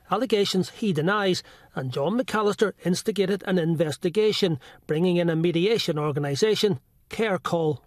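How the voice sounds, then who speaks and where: High-voiced male news reporter. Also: no room sound. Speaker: political reporter. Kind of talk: scripted news report narration.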